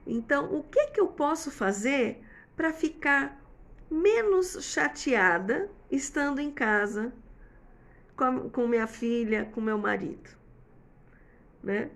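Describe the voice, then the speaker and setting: A woman's voice: high voice, lively intonation, takes it slowly. A woman in her fifties gives casual parenting advice to viewers, chatting with lots of "né?" tag questions and everyday examples. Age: 50s. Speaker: host answering viewer comments.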